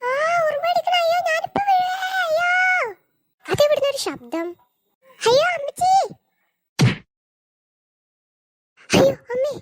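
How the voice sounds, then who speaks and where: A woman's voice: very high-pitched, lively intonation, a little slow. A woman voicing a whiny bossy big-sister cartoon girl. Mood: wailing. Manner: wailing, complaining. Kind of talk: cartoon voice acting.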